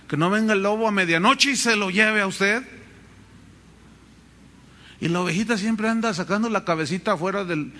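Pastor preaching, high bright voice, acts out little stories. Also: male voice. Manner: animated storytelling, acts out voices. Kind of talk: sermon.

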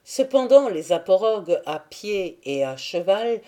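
A woman reading a classic novel aloud as an audiobook narrator, measured and steady. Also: medium pitch. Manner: slow, measured storytelling. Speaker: audiobook reader. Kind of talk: scripted narration.

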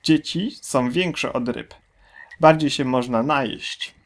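Man doing the Enormous Crocodile, greedy and loud. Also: medium pitch, takes it slowly. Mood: greedy boastful. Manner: gloating, loud. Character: huge greedy boastful male crocodile.

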